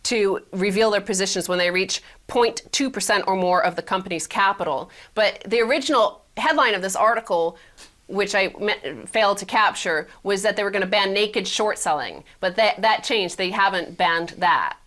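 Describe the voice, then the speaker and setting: Female co-host, financial news reader, questioning manner, mid pitch. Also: moderate pace, fairly bright tone. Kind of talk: reading news and asking questions.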